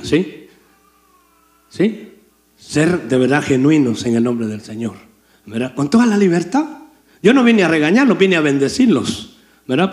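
A man preaching and praying before a congregation, fervent and rhetorical, often asking them to repeat after him. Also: medium pitch. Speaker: pastor. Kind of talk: sermon with prayer and call-and-response. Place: church sanctuary. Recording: echoey church hall.

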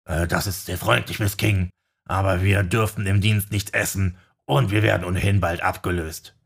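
A man's voice: low voice, steady tone, moderate pace, creaky, slightly rough, exaggerated voice. A man voicing a formal male guard who speaks politely through a door in an audiobook.

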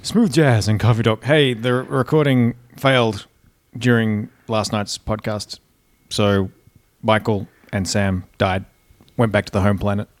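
A man's voice: fairly low pitch, fairly even intonation, unhurried. A man hosting a podcast, chatting casually in a laid-back, jokey way. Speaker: podcast host. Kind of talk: casual chat.

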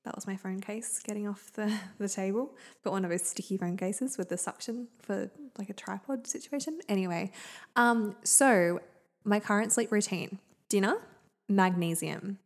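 A woman's voice: medium pitch, moderate pace. A young woman hosting a podcast, chatting casually with lots of fillers. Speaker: podcast host. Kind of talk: casual chat.

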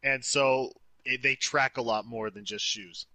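Laid-back bright-toned male player. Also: mid-range voice, fairly even intonation, a little slow, no echo, poor audio. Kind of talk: casual tabletop game chat.

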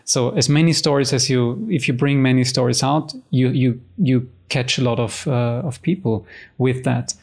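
A man from Austria speaking as an interview guest, conversational and halting, often rephrasing as he goes. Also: mid-range voice, darkish tone.

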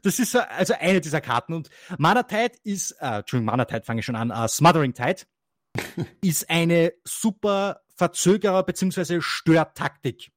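A man talking on a casual card game podcast. His voice sits a little high and sounds dry and close. He rambles, restarts sentences and laughs often. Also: expressive, normal speed, no echo. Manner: rambling with many restarts and fillers. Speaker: co-host.

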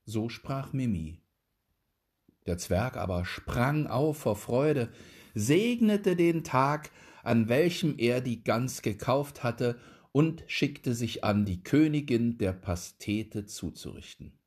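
A man narrating a fairy tale aloud in a slow, expressive storytelling manner. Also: mid-range voice, breathy edge. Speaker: audiobook reader.

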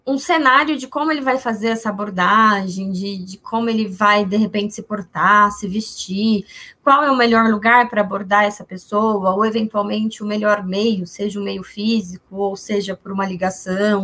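A woman's voice: mid-range voice, steady tone, normal speed, pushed and bright. A woman with a Brazilian accent speaking as a guest expert, explaining things informally and in simple terms.

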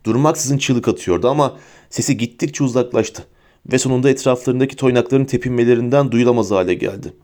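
A man narrating a fantasy story as an audiobook reader, steady and vivid. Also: mid-range voice, a little fast. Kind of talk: storybook reading.

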